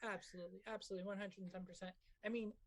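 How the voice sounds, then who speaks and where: A man's voice: high-pitched, little pitch movement, rapid-fire. A young man who grew up in Mexico, chatting as a podcast guest over a video call in a laid-back way, full of likes and ums. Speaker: guest author. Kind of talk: casual chat.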